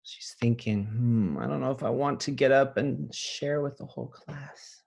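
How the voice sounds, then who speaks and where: A man who teaches elementary school reads a picture book aloud expressively and breaks off to explain it simply for kids. His mid-range voice is creaky, slightly rough, and darkish in tone.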